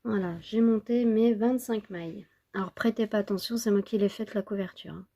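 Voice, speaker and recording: A woman who is a little sick, giving an informal knitting tutorial step by step in an unhurried way. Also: medium pitch, warm tone. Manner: unhurried, counting and repeating steps. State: slightly sick, under the weather with a cough.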